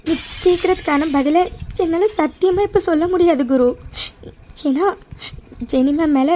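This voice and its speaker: Cartoon role: flustered young woman, very high voice, pleading , played by a woman. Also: a little slow, dark tone, a little hiss or hum. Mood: troubled. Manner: pleading, anxious, repeats words. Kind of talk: cartoon voice acting.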